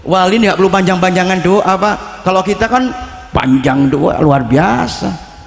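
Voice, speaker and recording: A man's voice: high voice, unhurried, creaky. A man preaching a sermon in a folksy, dramatic way, often calling his listeners "Pak". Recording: echoey hall with long reverb.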